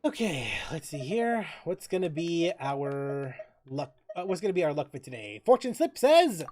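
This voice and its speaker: Chatting casually at a moderate pace in a medium-pitched voice, a gaming livestreamer jokes, swears a bit, reads chat aloud and comments on play with animation. Background music plays, along with slight background noise.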